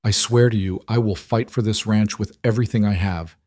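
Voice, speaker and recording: A man's voice: lowish voice, steady tone, brisk, darkish tone, no echo, clean studio sound, lightly acted. A man voicing a proud, struggling rancher. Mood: resolute.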